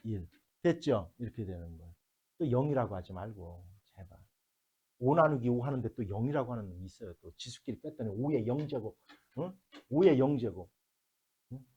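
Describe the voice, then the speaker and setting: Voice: mid-range voice, expressive, moderate pace, warm tone, breathy edge, muffled recording. A math teacher lecturing a classroom, working through problems step by step and constantly checking whether the students follow, mixing blunt casual talk with polite endings.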